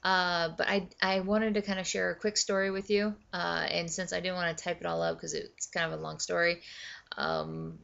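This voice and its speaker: Young adult woman, casual vlog storyteller, chatty and rambling; low-pitched with a gravelly edge, recorded on dull lo-fi audio. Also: animated, normal speed, fairly bright tone. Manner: chatty, many fillers and self-corrections. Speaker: vlogger.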